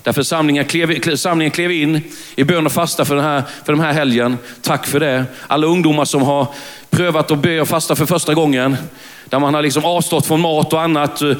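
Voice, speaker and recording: A man with a Småland accent from Värnamo, preaching a fervent sermon in church and often calling out hallelujah. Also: fairly high pitch. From Sweden. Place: church at a conference service.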